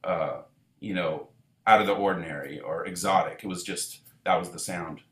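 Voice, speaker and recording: Low-pitched and speaking at a normal speed, this man from Israel fronts a band and talks for a long stretch in an easygoing interview. The sound is roomy, and his delivery wanders, packed with fillers and false starts.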